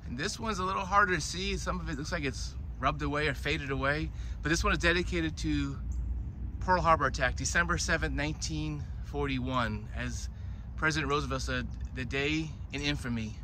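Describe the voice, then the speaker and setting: Bright-voiced man giving a walking tour. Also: fairly high pitch, normal speed. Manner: tour guide showing and explaining sights. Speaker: tour guide. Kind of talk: vlog walking-tour narration. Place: outdoors in a public park. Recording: outdoor recording with urban ambient noise.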